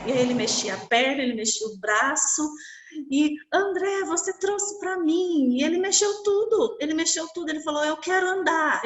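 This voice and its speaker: Woman telling a story, echoey room. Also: fairly high pitch. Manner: vivid, animated, acts out quoted voices. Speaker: guest speaker sharing her story. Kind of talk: emotional personal storytelling.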